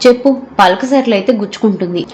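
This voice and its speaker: A woman voicing a caring young daughter-in-law who coaxes gently, in an audio story. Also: mid-range voice, fast talker, slight background noise, close to an everyday voice. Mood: coaxing. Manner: coaxing, gentle.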